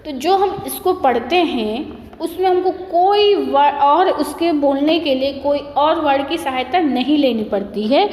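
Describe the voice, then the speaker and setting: Slow, high-voiced woman teaching a class. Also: a little mellow. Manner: asks the class questions and answers them herself; drawn-out sounding of letters. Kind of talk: slow, patient Hindi grammar lesson. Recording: echoey room, long reverb.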